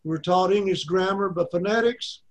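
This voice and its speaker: An older man with an Arkansas accent teaches a Bible class in a high, light voice. He speaks in a folksy way, driving his points home by repeating them. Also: moderate pace.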